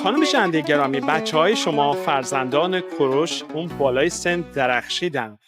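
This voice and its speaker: A man's voice: on the high side, lively intonation, loud music behind the voice. A man with an Iranian Persian accent interviewing guests on location in a formal, courteous way. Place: public festival. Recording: crowd chatter at public event.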